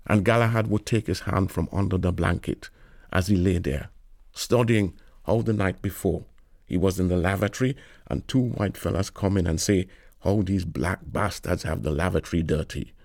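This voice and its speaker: A man reading a novel aloud in a lilting, expressive storytelling manner. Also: low voice, moderate pace, creaky, no echo, studio quality. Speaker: reader.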